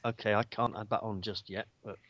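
A man's voice: on the low side, little pitch movement, brisk, a bit bright, no room sound, highs cut off. A man taking part in a tabletop game as a player, in casual chat.

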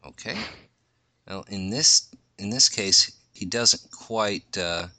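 Deep voiced guy game master, bright forceful tone, halting casual rulings, dry sound. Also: no room sound. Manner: halting, repeats phrases as he rules. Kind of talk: casual tabletop game narration.

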